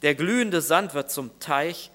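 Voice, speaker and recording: A man's voice: on the high side, expressive, measured pace, bright, forceful tone. A man preaching a sermon as pastor, earnest and speaking straight to each listener. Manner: earnest, addresses listeners directly.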